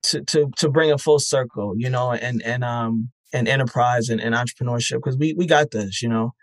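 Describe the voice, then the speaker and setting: In a casual interview chat, a male guest who is a festival founder and life coach speaks at normal speed with a medium-pitched voice. He sounds earnest and encouraging and says "um" a lot, and there is no echo.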